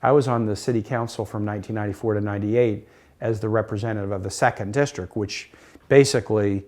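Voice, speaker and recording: A man who was a city councilman and mayor, talking briskly and chattily with many fillers in an interview. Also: fairly low pitch, fairly even intonation, darkish tone. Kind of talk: documentary interview.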